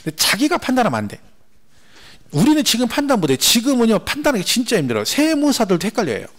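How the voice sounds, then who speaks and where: A man lecturing a class on tax law for an exam, animated and repetitive, asking the students rhetorical questions. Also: very high-pitched, fast talker.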